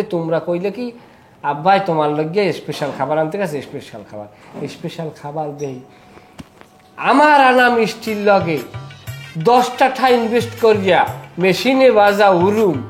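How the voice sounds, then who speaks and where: A man playing a grumbling new son-in-law. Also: sits high. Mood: indignant. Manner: complaining, sarcastic, rising to loud outbursts. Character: grumbling young male son-in-law, aggrieved. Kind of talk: village comedy drama acting.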